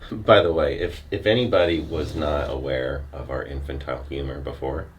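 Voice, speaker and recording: Jokey low-voiced man, a bit off-mic. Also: steady tone, normal speed, distant mic, slight background noise. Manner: jokey, laughs easily. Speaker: church podcast co-host. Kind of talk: casual chat.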